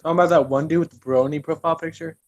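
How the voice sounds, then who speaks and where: A man joining a casual podcast chat with quick joking remarks. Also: a little high, steady tone, slight background noise. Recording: dull lo-fi sound.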